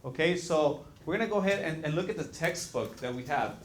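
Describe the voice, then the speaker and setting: A man's voice: on the high side, expressive, brisk, a little hiss or hum. A man teaching a math class who asks students questions and directs them through the work. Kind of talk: classroom instruction. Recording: echoey classroom with faint music.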